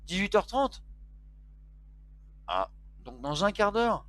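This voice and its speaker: A man's voice: high voice, big pitch swings, slow pace, a bit bright, a little hiss or hum. A man streaming online chess, talking casually to himself and to his viewers. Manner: muttering to himself, chatty with viewers. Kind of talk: casual live-stream commentary.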